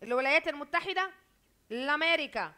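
A woman's voice: sits high, expressive, fast, sharp tone, a little hiss or hum. A woman with an Egyptian Arabic accent teaching an Italian class over a video call, quizzing her students and repeating each word. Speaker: university Italian lecturer. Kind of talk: online lecture.

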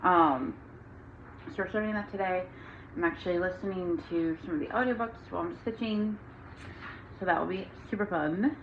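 A woman's voice: on the low side, normal speed, pauses often, muffled recording, a little hiss or hum. A tired, out-of-breath young woman chatting casually to camera about her cross-stitch projects, rambling with many ums. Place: home room with windows open.

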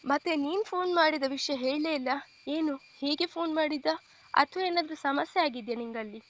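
Lady reading as a soft caring big-brother type, high voice, kinda dull lo-fi audio. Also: moderate pace. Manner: gentle, reassuring, affectionate. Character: caring young man, protective elder brother figure.

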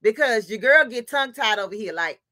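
A woman with a bright, fairly high voice hosts a casual sewing livestream. She greets viewers by name in a chatty, scattered way, laughing often and calling each one queen. The sound is close and dry, with no room echo. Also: animated, fairly quick. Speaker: livestream host of a sewing channel.

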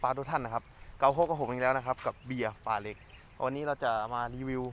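Man, casual fishing vlogger, chatty, mid pitch, outdoors, faint birds and nature around. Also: fast, a bit bright, slight background noise. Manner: chatty, talks to himself while casting. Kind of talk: casual product review vlog. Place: outdoors by the water.

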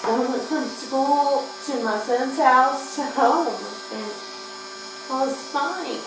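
A woman's voice: sits high, takes it slowly, over music. A woman, rambling and pleading while being held by police. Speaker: person being arrested. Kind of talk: police custody recording. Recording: echoey room, distant mic, background noise.

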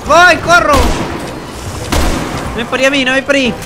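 A man's voice: very high voice, flat delivery, rapid-fire. A young man with a Chilean Spanish accent, bantering and joking with slang during co-op gameplay. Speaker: gamer. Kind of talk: co-op let's play commentary. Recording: loud noise behind.

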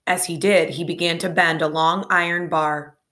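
A woman reading a children's chapter book aloud, with lively, light character voices. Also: fairly low pitch, moderate pace. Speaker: storybook reader.

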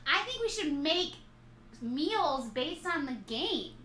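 Playful, chatty female guest, high lively voice, echoey noisy room. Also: takes it slowly. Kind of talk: casual chat on a livestream.

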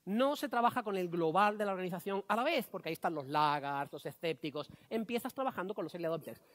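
A man from giving a conference talk, joking and animated with quick asides. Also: high voice. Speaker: conference speaker.

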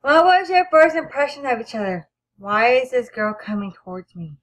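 Teen girl host, high and lively voice, teasing, giggly, reads questions off a sheet. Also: normal speed. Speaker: channel host. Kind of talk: casual best friend tag video.

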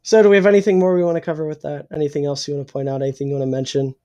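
A young man co-hosting a casual sports podcast, opinionated and swearing freely, a little hoarse and clearing his throat. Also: fairly high pitch, flat delivery, rapid-fire, warm tone, dull audio. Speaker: podcast co-host.

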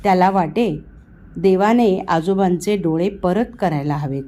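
A woman narrating a children's story in a gentle, measured way. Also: on the low side. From India.

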